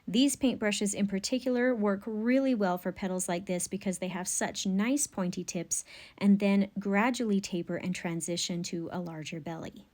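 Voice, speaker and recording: Woman, medium pitch, gentle painting instructor, encouraging, step-by-step tutorial narration.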